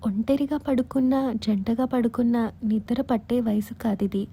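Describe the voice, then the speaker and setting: A woman voicing an earnest young unmarried man who speaks in a hushed, tender way. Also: on the high side, fairly even intonation, normal speed, breathy edge.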